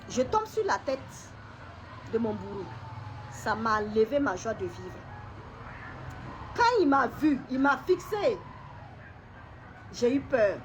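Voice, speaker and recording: A middle-aged woman gives an emotional personal testimony to camera. She talks haltingly, often repeating words, pausing and clearing her throat. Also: high-pitched, slight background noise. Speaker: woman sharing a personal story.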